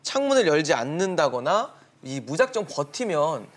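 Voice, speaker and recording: A man's voice: on the high side, a little hiss or hum. A man anchoring a studio news interview, asking the guest questions. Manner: lively, quick questioning.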